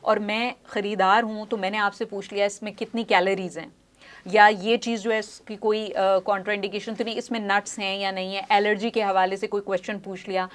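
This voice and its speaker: Studio interview में एक महिला स्पीच पैथोलॉजिस्ट, जो उदाहरण देकर धीरे-धीरे समझाती है और बीच-बीच में अंग्रेज़ी वाक्यांश बोलती है।. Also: female voice, medium pitch, flat delivery, a little fast. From Pakistan. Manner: explanatory, uses examples, mixes English phrases. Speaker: speech pathologist guest. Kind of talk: studio interview, explaining. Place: news studio.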